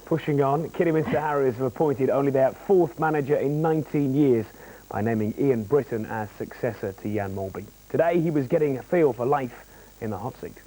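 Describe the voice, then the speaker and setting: Mellow-voiced male sports presenter. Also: mid-range voice, fairly quick, low-quality recording. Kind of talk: sports news bulletin with casual asides.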